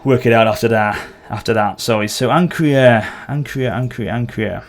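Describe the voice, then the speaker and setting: A gameplay channel host with a sore throat and an occasional cough comments casually while playing a strategy game. His mid-range voice moves at a moderate pace as he thinks aloud and corrects himself.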